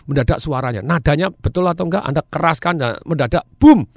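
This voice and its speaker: A man's voice: a little high, fast talker, gravelly, dry recording, clean studio sound. A man, a sales trainer guest, talking energetically with frequent laughs and English phrases. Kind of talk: enthusiastic talk-show chat.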